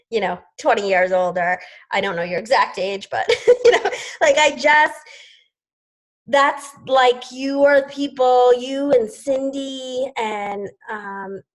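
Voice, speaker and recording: A woman in her forties, a team leader, hosts a group video call with a casual motivational chat, sprinkling in lots of "like" and "you know" and laughing often. Her voice is a little high, and the recording quality is low.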